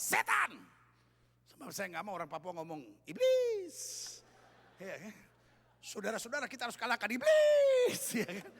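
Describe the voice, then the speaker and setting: A man preaching a lively, joking sermon as pastor in a large church, acting out quoted voices. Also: sits high, breathy edge.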